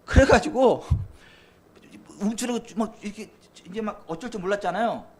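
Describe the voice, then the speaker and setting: Impassioned high-voiced male pastor. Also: moderate pace, a little hiss or hum. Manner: impassioned, swings from loud cries to near whispers. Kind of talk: sermon. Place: church sanctuary.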